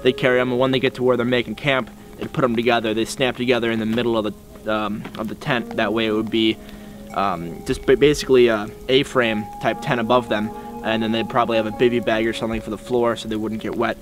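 With music in the background, a twentysomething bushcraft host gives a laid-back tutorial in snowy woods, frequently saying um. He talks quickly in a lowish, flat voice.

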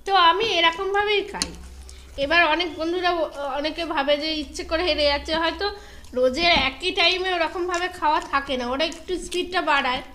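A woman's voice: very high voice, rapid-fire, sharp tone, slight background noise. A woman hosting an eating show, chatting casually to viewers while chewing her food.

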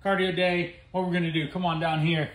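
Man, fitness coach, high voice, brisk workout cues, echoey metal-walled barn gym. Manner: energetic, instructive, brisk cues. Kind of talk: workout vlog narration. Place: large home gym in a barn with metal walls.

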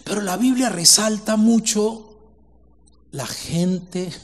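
A man's voice: high voice, expressive, extremely slow. A man preaching a sermon as pastor, asking rhetorical questions and repeating phrases for emphasis. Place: church hall. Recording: long reverb in a church hall.

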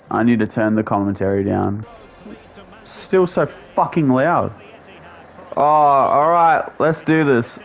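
A man giving angry, profanity-laden commentary as he plays a football video game, ranting and exasperated. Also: mid-range voice. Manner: ranting, heavy swearing, exasperated outbursts. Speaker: gamer.

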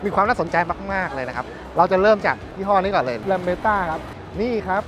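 A man in his thirties presenting bikes at a busy indoor motor show in a lively, chatty way, speaking into a lapel mic. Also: high-pitched, a little fast, crowd noise. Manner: lively, chatty, points things out. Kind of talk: casual walkaround presentation. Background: music.

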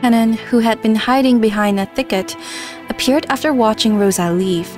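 Streamer reading game aloud, earnest, wry asides, faint music. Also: female voice, on the high side, normal speed.

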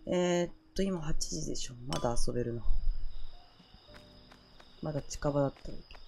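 A woman streaming a game, her throat sore and a little hoarse, muttering to herself and reacting to the gameplay in casual commentary. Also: sits low, normal speed, mellow, soft background music. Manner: talks to herself, muttering and exclaiming over gameplay.

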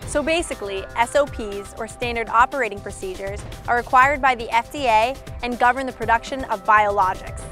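A woman's voice: on the high side, a little fast, hardly any pauses, a bit bright, faint music behind. A young woman hosting a career show, reading upbeat scripted presenting lines outdoors. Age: young adult. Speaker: host. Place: outdoors on a campus.

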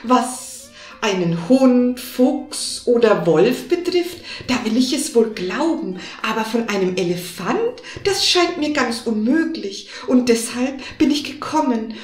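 A woman voicing a cunning, flattering male cat in a fairy-tale audiobook, talking eagerly. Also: a little high, slow. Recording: roomy with faint music behind.

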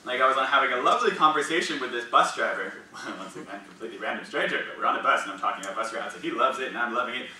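A man's voice: medium pitch, lively intonation, rapid-fire, hardly any pauses, bright, forceful tone. Young man, casual storytelling, rambling with fillers, echoey room, faint background hum. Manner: rambling, many "like" fillers, frequent laughter. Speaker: speaker sharing personal experience. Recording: echoey room, mic at a distance.

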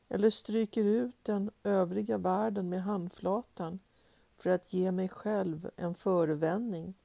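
A woman reads poetry aloud in a low voice with a gravelly, creaky edge. Her tone is dark and mellow, and the close, dry recording has no room sound. She recites in a measured, rhythmic way and leans into the repeated refrains. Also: dry recording. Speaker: poetry reader. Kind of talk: poetry reading.

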